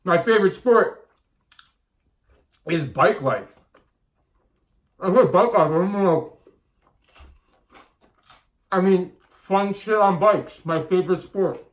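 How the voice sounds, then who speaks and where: A man in his thirties with a slightly high voice, talking casually and bluntly to his camera. He hammers his points home and often says them twice. The talk is loose and unscripted. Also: takes it slowly, pauses often. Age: 30s. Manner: blunt, emphatic, repeats himself. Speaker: vlogger and diet coach.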